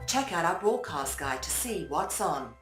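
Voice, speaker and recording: A woman reading a scripted network announcement in a smooth, polished way. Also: fairly low pitch, sing-song, a little slow, roomy sound, music in the background.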